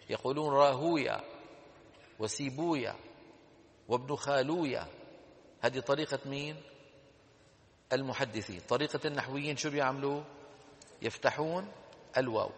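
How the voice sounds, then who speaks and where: A man reading a classical text aloud to a class, slowly dictating corrections and quizzing his students. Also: medium pitch, big-room sound. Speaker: teacher.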